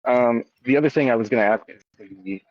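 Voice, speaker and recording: A man in casual group chat who sounds like he is on speakerphone, asking hesitant, halting questions over a phone call. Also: mid-range voice, no echo.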